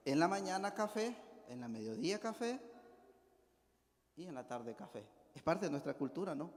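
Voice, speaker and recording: A middle-aged Salvadoran man with a Salvadoran Spanish accent preaches a folksy sermon, telling a homely story and often asking his congregation to agree. His voice is on the high side and a little mellow, heard through the long reverb of a church hall.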